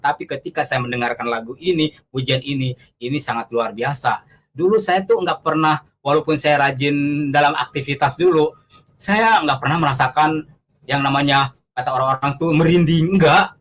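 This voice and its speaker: A man's voice: mid-range voice, moderate pace, a bit bright, a little hiss or hum. A man giving an earnest, conversational testimony, telling his story with fillers and acted-out quotes.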